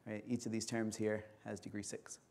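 Male conference lecturer, mellow tone, measured step-by-step delivery, auditorium. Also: on the low side, level tone.

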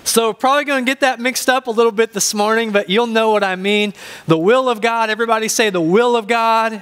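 A man in his fifties with an Ozarks accent preaching a sermon as a pastor, deliberate and repeating phrases for emphasis. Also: very high-pitched, steady tone, a bit bright, clean tone. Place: large church stage indoors.

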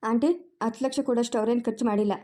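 A woman playing a calm, firm young woman who reasons and reassures in a family drama. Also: a little high, very fast, close to an everyday voice.

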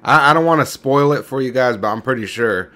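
A young man hosts a let's-play video, his medium-pitched voice brisk and sharp. He chats casually, rambling and swearing through his commentary like a typical gaming channel host.

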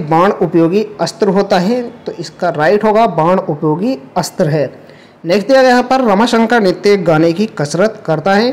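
A man's voice: sits high, a little mellow. Patient man explaining an exam paper. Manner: step-by-step explaining, mixes English terms into Hindi; patient, repeats each correction. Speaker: teacher. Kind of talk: lesson going through a past exam paper.

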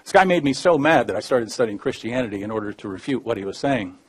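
A man in his thirties giving a personal testimony as a debater, in a measured, low-key storytelling manner that often drops quiet. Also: lively intonation, slight background noise.

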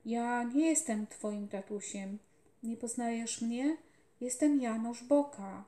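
A woman doing a quiet, gentle boy leader. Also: fairly high pitch, takes it slowly. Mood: hushed. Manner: soft and hushed. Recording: roomy echoey home recording.

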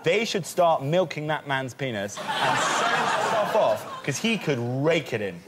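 A man's voice: a little high, sing-song, unhurried. A man on a comedy panel, rambling through crude jokes and laughing as he talks. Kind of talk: crude comic riffing. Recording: loud studio audience and noise.

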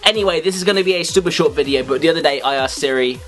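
A man's voice: a little high, racing, fairly bright tone, faint music behind. A young man talking to camera in a scripted comedy vlog, sarcastic and self-mocking. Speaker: comedy vlogger.

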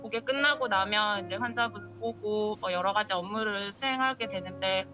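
A woman's voice: mid-range voice, moderate pace, over music. A young woman, a doctor, explaining her work as an interview guest over a video call, through a face mask. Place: busy hospital room indoors, on a video call. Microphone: video call, phone close to face, through a mask.

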